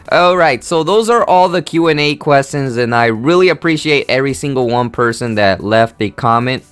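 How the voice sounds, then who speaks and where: A man's voice: mid-range voice, lively intonation, moderate pace, fairly bright tone, clean tone, no echo, faint music behind. An eighteen-year-old man from Honduras hosting a casual Q&A vlog, rambling with lots of fillers and an easygoing manner. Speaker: gaming channel host.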